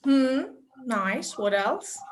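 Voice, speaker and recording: Speaking slowly in a somewhat high voice, a woman presents a teacher-training webinar over a video call. She talks to participants in a friendly, chatty, unhurried way, with light laughs and fillers along the way.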